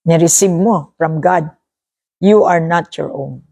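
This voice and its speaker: An animated preacher with a Filipino accent, teaching a church meeting in a mix of Tagalog and English. The delivery keeps circling back to key phrases and quizzing the listeners. The voice is gravelly and darkish. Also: medium pitch, takes it slowly, dry recording. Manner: animated, repeats key phrases, asks the room questions.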